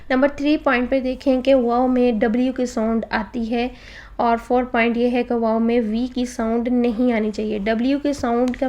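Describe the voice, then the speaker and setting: A woman's voice: fairly high pitch, a little mellow, lo-fi sound. A woman teaching Quran recitation in a recorded lesson, explaining patiently step by step and mixing in English words.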